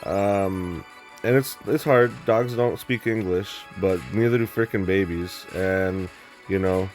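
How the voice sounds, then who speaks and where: A young man with a very deep, low voice tells a story in a loose, rambling way, swearing freely and restarting his sentences often. Faint music plays underneath. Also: slow, a little mellow. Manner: rambling, blunt and profane, with many restarts. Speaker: vlogger. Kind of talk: casual storytelling monologue.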